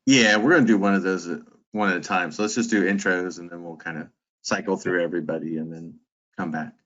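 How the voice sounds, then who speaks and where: A man's voice: sits low, fairly even intonation, fast talker, fairly bright tone. A man hosting a panel discussion, talking in a loose, rambling way with lots of fillers. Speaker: panel host. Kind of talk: casual panel moderation. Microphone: video call. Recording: dull video-call audio.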